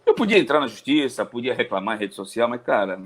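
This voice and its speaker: A sports journalist in his forties from Brazil, telling his story in an interview with animated swings in pitch. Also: quick pace, slightly rough. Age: 40s.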